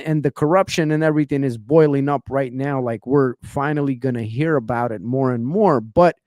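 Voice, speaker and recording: A man's voice: medium pitch, a little mellow, no room sound, studio quality. Impassioned young man hosting a podcast. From Ukraine. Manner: impassioned, repeats "man" and "you know what I'm saying". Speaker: podcast host. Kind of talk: podcast interview.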